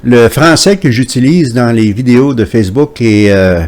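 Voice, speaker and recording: A man from Quebec hosting his channel from home, talking to camera in a hesitant way with many pauses. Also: medium pitch, a little mellow. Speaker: channel host. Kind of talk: casual commentary to camera.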